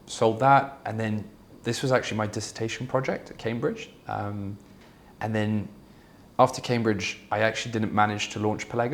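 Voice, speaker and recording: A low-voiced man from Belgium whose first language is Flemish, appearing as a guest startup founder. He gives conversational interview answers in a candid, fluent way, with lots of fillers and restarts.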